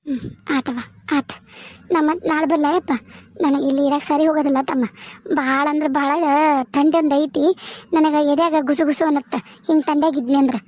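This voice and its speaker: A woman's voice: high voice, steady tone, a little mellow, no echo, lightly acted. A woman voicing a frail, fretting elderly village grandmother in a cartoon, with a North Karnataka Kannada accent. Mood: weary. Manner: tearful, fretting, drawn-out speech. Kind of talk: cartoon voice acting.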